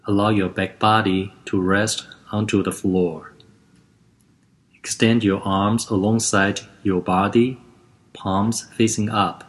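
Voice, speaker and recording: A man with a fairly low, calm, gentle voice leads a guided relaxation session. He speaks very slowly and without hurry, leaving space between each instruction.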